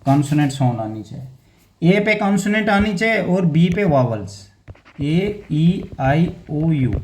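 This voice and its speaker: A man's voice: on the high side, darkish tone. A young man teaching an exam-prep grammar lesson in casual Hindi mixed with English, repeating words and checking in with "theek hai" again and again.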